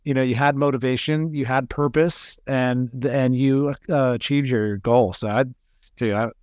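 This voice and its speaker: A man's voice: mid-range voice, steady tone, unhurried, smooth, no room sound, clean studio sound. A man hosting a podcast, talking in an enthusiastic, admiring way with laid-back slang. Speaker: podcast host. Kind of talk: casual podcast interview.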